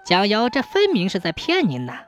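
A woman's voice: mid-range voice, wildly swooping pitch, normal speed, faint music behind. A woman voicing a scheming male courtier who speaks in a sly, mocking way.

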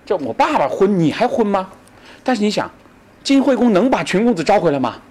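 A middle-aged man giving a lively storytelling lecture on ancient history, acting out quoted speech and often asking the audience to agree. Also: high-pitched, brisk. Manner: animated, acts out quoted speech, many fillers like "对吧".

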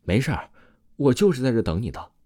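Deadpan young guy student, as a male narrator does him, wry, unbothered, mellow low voice. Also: normal speed, no room sound, clean studio sound. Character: calm, dry-humored young male student.

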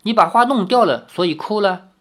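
A proud, cheerful young swordswoman who teases and boasts in quick, lively bursts, as a woman reading a story puts her on. Her voice rises brightly above the narration, confident and playful. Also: mid-range voice, pitched above the performer's own voice. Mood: teasing.

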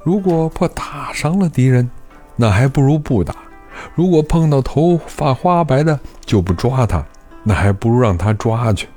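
A man's voice: mid-range voice, lively intonation, moderate pace, dark tone, soft background music, voice pushed up, natural voice. A male storyteller voicing a loyal adviser who presses his lord urgently and bluntly.

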